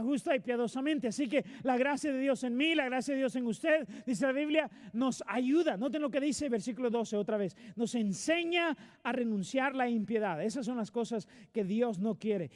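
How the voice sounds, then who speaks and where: A male pastor preaching a sermon in a church, earnest and direct with his congregation. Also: extremely high pitch. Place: church sanctuary.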